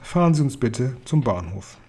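A man voicing a firm, brisk old grandmother in a storybook reading. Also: medium pitch, sing-song, dark tone, husky.

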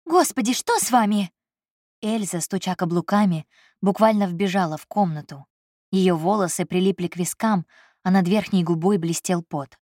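A woman narrating a novel in an even, measured way. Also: lowish voice, no room sound, clean studio sound. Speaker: audiobook narrator. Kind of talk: scripted narration.

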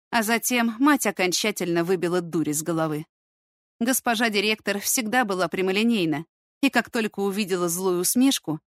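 A woman narrating a first-person story in a measured, steady reading voice. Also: medium pitch, dry recording, clean studio sound. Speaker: audiobook reader.

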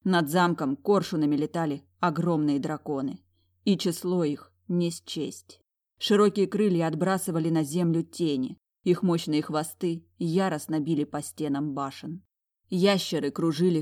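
A woman reading a first-person fantasy story, in expressive, measured narration. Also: deep voice, no echo, clean studio sound. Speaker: audiobook narrator.

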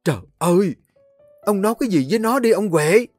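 A man's voice: high voice, expressive, fairly quick, no room sound, faint music behind, pitched above the performer's own voice. A man voicing a worried, pleading middle-aged mother. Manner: pleading, anxious.

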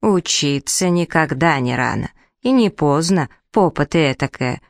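A creaky, grouchy fairy-tale hut on chicken legs lectures and grumbles like a strict teacher, as a woman reader puts it on. The voice sits low, recorded close and dry. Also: animated, measured pace, dry recording. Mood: grumbling. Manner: nagging and preachy. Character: grumpy magic hut on chicken legs, teacherly, good-natured underneath.

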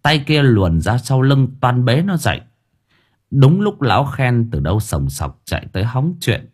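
A male storyteller reads an audiobook in a loose, slangy style. His husky voice swings up and down with a lively pitch. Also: measured pace. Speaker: audiobook narrator. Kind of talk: colloquial storytelling narration.

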